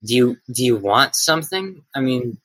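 Teen male co-host, deadpan straight man, mid voice, dry recording. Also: mid-range voice, moderate pace, dry recording, low-quality recording. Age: late teens. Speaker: podcast co-host. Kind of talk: casual chat.

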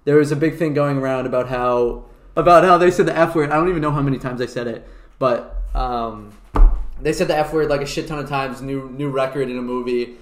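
A young man co-hosting a casual podcast, talking fast and swearing often, with "dude" in nearly every sentence. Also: medium pitch, reverberant. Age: young adult. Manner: fast-talking and profane, says "dude" a lot. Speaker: podcast co-host. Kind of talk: casual chat.

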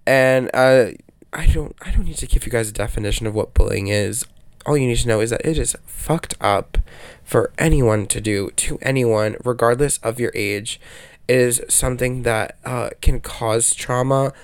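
A man's voice: mid-range voice, moderate pace, clean tone, no room sound. Guy podcast host stuffed up from allergies, rambly casual chat, slangy, really dry close sound. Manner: rambling and self-interrupting, with slangy swearing. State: congested from allergies.

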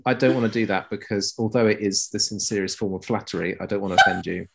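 A man chatting as a podcast guest, playful and self-deprecating, often pausing and restarting. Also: on the low side, fairly even intonation, creaky, slight background noise. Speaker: guest, weather presenter. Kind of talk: casual podcast chat.

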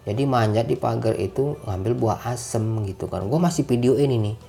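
A young man telling a casual, animated story in slang, acting out the dialogue. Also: mid-range voice, normal speed, gravelly.

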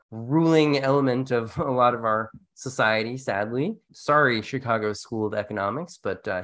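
A man with a mid-range, fairly bright voice co-hosts an educational podcast, explaining ideas in a relaxed, conversational way with a wry edge. He works as an instructional designer.

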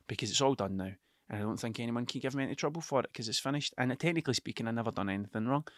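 A middle-aged podcast host from Ayrshire, Scotland, rambles through a casual storytelling monologue packed with swearing and "do you know what I mean." His Ayrshire-accented voice is medium-pitched and racing, recorded in studio quality with no echo.

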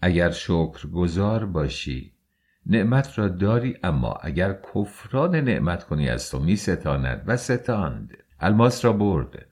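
A man narrating an audiobook in the first person, reading slowly with a grave, mournful delivery. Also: low-pitched, sing-song, a little mellow, breathy edge.

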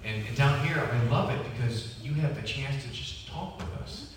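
A man's voice: mid-range voice, moderate pace, noisy background. Joking man with a northern US accent. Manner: jokey, folksy, drawing the audience in. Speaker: traveling music minister. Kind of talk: casual church stage talk. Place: church sanctuary. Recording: echoey church from far off.

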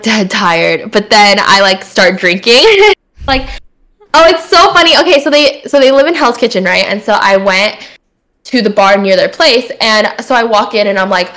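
A young woman telling a long story in a casual chat, laughing often and acting out what people said. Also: mid-range voice. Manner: animated, laughs often, acts out quotes.

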